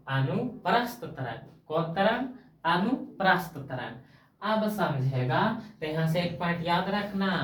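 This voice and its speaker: A woman teacher with a Magahi-tinged Bihari Hindi accent, teaching a coaching-class science lesson in a colloquial, homely way, quizzing the class with call-and-response questions. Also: low voice. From Bihar, India. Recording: echoey room, voice far from mic.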